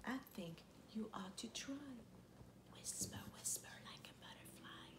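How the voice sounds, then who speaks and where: Whispering in a mid-range voice with lively intonation and a measured pace, a woman in her thirties reads a children's picture book expressively on her living room couch. She draws out words and playfully imitates noises for a camera a few feet away, and the audio is roomy and echoey with faint noise.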